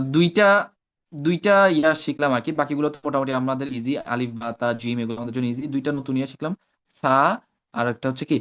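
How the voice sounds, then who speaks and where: A man teaching Arabic pronunciation in an online class, drilling sounds slowly and correcting students by name. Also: fairly high pitch, highs cut off. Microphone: video call.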